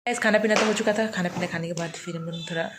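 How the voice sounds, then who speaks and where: Rajasthani-accented mom vlogger, casual and chatty, roomy noisy home sound. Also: female voice, fairly low pitch, steady tone, racing. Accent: Rajasthani Hindi. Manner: chatty, talks to viewers as "guys". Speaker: vlogger mother. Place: home indoors.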